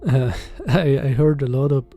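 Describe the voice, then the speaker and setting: Slow, mellow-voiced German-accented young man. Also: medium pitch, soft background music. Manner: hesitant, halting, with many fillers and soft chuckles. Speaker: channel host. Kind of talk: casual podcast-style voiceover. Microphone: voiceover recorded separately.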